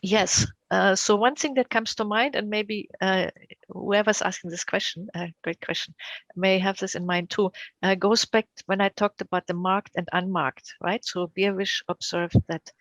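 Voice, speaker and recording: Invited woman speaker on a video call, gravelly and dry, thoughtful and full of fillers. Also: medium pitch, fairly even intonation, moderate pace, fairly bright tone, no echo, poor audio. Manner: thoughtful, many fillers and "right?" tags. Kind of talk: answering audience questions.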